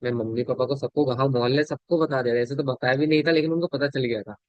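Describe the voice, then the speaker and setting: A man coaching a sales team in an informal talk. He keeps asking whether they understand, repeats his points, and changes his loudness and speed to demonstrate. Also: mid-range voice, steady tone, fast talker, no echo. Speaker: sales business trainer. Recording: dull lo-fi audio, dry.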